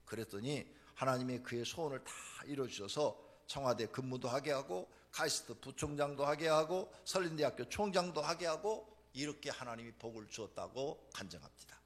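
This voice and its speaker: A male pastor preaching a fervent sermon, moving from hushed storytelling to shouted exhortation. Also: mid-range voice, a little fast, few pauses.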